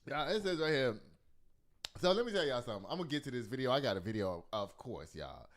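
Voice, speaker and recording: A man with an American accent hosts casual comic news commentary, animated, colloquial and full of mocking exclamations. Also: medium pitch, fast talker. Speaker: talk show host.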